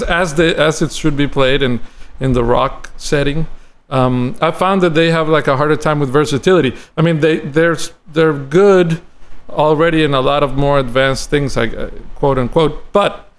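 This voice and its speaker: Costa rican guy on a podcast, smooth clear voice, thinks out loud, lots of restarts. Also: medium pitch. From Costa Rica. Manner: thoughtful, halting, many restarts. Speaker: guest drummer and educator. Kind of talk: casual podcast conversation.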